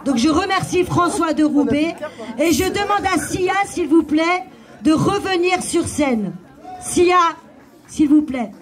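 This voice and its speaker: A woman's voice: very high-pitched, expressive, slow pace. A woman hosting an open-mic night on stage, chatty and hesitant, with many fillers. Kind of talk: live stage announcing. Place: small live venue with audience.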